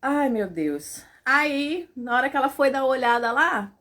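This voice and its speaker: A young adult woman telling a personal story in a vlog, emotional and animated, with lots of fillers. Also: sits high, moderate pace. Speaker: vlogger.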